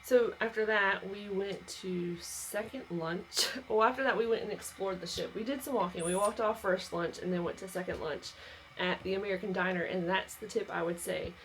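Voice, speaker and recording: A chatty Southern woman records a cruise vlog on her phone, upbeat and full of practical tips. Her voice sits in a normal range for a woman. The steady hum of the ship comes through clearly behind her. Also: mid-range voice, normal speed, poor audio. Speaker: travel vlogger and travel agent. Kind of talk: casual travel vlog.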